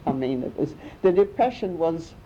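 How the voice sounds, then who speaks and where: A woman's voice: lively intonation, moderate pace, mellow. An older woman telling memories in an oral history interview, rambling along with restarts and small laughs. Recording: muffled with faint rumble.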